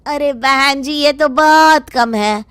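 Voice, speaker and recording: Woman doing a wheedling shopkeeper guy, high voice, slow sales pitch, cartoon. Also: over music. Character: pushy male market shopkeeper. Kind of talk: cartoon voice acting.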